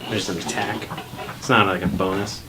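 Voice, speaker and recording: A man's voice: sits low, fairly even intonation, normal speed. A man chatting casually as a player in a tabletop game. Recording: noisy room with table clicks.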